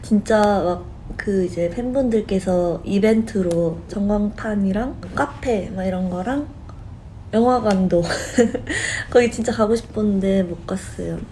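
A young woman chatting casually with fans on a live stream, talkative and quick to giggle. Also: medium pitch, dark tone, a little hiss or hum, poor audio. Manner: chatty and giggly, laughing often.

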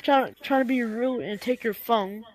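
A woman's voice: a little high, moderate pace, a little mellow, a little hiss or hum. A woman role-playing a mother in a game, fussing over her child, repeating herself and stumbling over her words. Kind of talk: casual game role-play.

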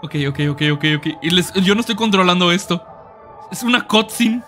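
A young man with a Mexican accent doing casual, joking let's-play commentary, excitable and swearing freely as he yells at the game. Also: high-pitched, normal speed, soft background music. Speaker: gaming streamer.

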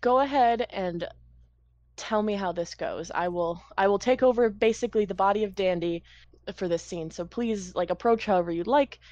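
A woman's voice: mid-range voice, moderate pace, dry recording, lo-fi sound. Casual woman narrating a tabletop game. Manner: relaxed, casual narration with many fillers. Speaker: game master.

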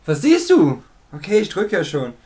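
A man's voice: high voice, huge pitch swings, normal speed, a little mellow. A man with a German accent giving casual commentary while playing a video game. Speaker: let's play gamer.

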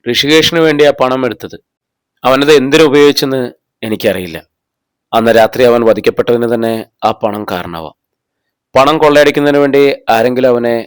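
A man's voice: medium pitch, animated, brisk, pauses often, clear, resonant tone, no room sound, close to an everyday voice. A man reading the lines of a middle-aged mother under police questioning, defending herself and growing indignant. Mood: shaken. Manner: defensive, voice rising when accused.

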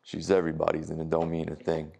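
An actor performing a stage monologue as a heartbroken man reflecting on love, speaking slowly with long pauses and drops to near whispers. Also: monotone, noisy background. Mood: bitter. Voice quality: very deep gravelly voice.

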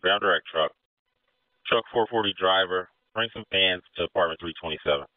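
Male fire commander on radio, talks fast, clean dry voice, brisk orders. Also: low-pitched, no echo. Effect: two-way radio. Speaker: incident commander. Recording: narrow phone-like radio channel.

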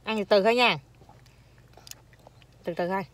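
A woman's voice: medium pitch, moderate pace. A woman filming a casual family vlog, talking to her small child in a chatty, coaxing and playful way. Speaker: mother filming her toddler. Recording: home recording with clear background noise.

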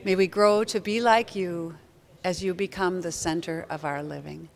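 A middle-aged woman pastor reading a communion liturgy and prayer in a slow, solemn, prayerful way in a church sanctuary, picked up by a far camera. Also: fairly low pitch, steady tone, gravelly.

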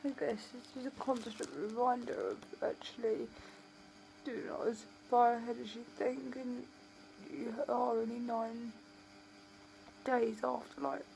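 Tired, creaky woman with a sore jaw. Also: fairly high pitch, little pitch movement, a little slow, darkish tone, slight background noise, low-quality recording. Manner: talking with a sore, tight jaw. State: tired, sore swollen jaw after surgery. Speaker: vlogger. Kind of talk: casual late-night video diary.

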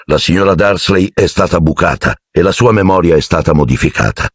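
A man's voice: low voice, lively intonation, brisk, no echo, clean studio sound. A man voicing a fussy, jovial middle-aged minister who talks to a boy in a genial, patronizing and evasive way.

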